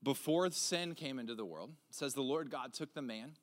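A man's voice: mid-range voice, moderate pace. A man in his twenties preaching a sermon in a casual, candid way, often restarting and repeating words. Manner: casual, candid, stumbling repetitions. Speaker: pastor.

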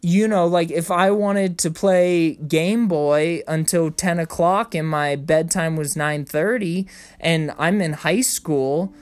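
A young man tells his own story in a casual, blunt monologue, swearing freely and ranting about family frustrations while mimicking his parents in raised voices. His voice is a little high and slow, with no echo.

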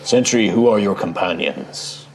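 A man voicing an ancient giant stone guardian in a tabletop game, with a deep rumbling voice and a slow, weighty, gentle, formal manner. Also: lively intonation, gravelly, soft background music, poor audio. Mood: solemn, stern.

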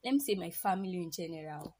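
A woman's voice: fairly low pitch, animated, fast talker, noisy background. A young woman, a student mother, telling her story earnestly, with hesitant restarts. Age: young adult. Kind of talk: personal story in an interview.

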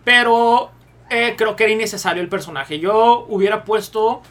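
A man's voice: high-pitched, moderate pace, fairly bright tone. A man with a Mexican accent co-hosting a casual podcast panel, rambling and peppering his talk with crude slang. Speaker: podcast co-host.

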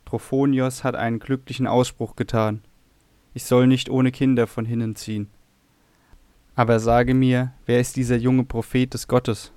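A man's voice: mid-range voice, flat delivery, normal speed, darkish tone, clear, resonant tone, dry recording, natural voice. A man voicing a cheerful, eager older nobleman.

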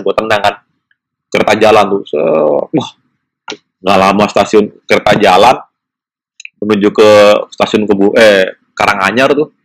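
A man's voice: on the low side, low-quality recording. A man, casually telling a true story from his own life, repeating words and acting out sounds. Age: 40s. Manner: animated, repeats words and makes sound effects.

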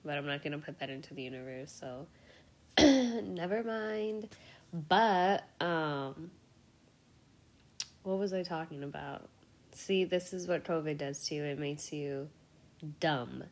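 A woman's voice: low voice, slow, long pauses. A young woman hosting a casual solo podcast, sick and rambling, swearing freely and laughing often. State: sick with a cold, congested voice. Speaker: podcast host.

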